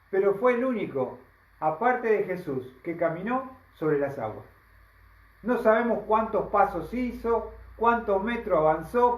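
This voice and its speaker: A pastor with a Rioplatense Spanish accent preaches a slow, emphatic sermon, frequently putting rhetorical questions to the congregation. His voice sits high, and the low-quality recording sounds roomy.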